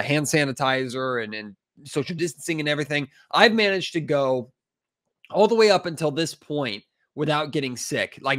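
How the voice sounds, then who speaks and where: On a casual sports podcast, the host has a voice on the high side with a fairly bright tone and is clearly congested from a stuffy cold. His delivery is emphatic and frustrated, full of fillers.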